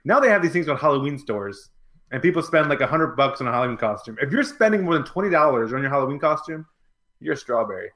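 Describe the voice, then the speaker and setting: A man's voice: mid-range voice, big pitch swings, quick pace, fairly bright tone. A man hosting a sports talk podcast, joking and bantering with his co-hosts. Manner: showman intro, then joking banter. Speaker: podcast host. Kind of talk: casual sports talk chat.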